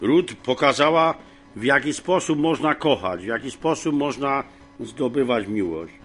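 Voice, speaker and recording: A man teaching from the Bible in a homely, rambling way, with many fillers and frequent throat clearing. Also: medium pitch, expressive, unhurried, a bit bright, faint music behind. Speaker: preacher.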